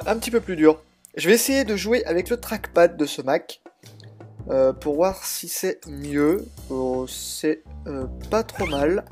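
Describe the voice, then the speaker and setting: Man with a slightly altered voice. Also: high voice. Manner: chatty, explains while playing, frequent hesitations. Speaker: let's play host. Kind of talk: casual gameplay commentary. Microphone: laptop built-in microphone.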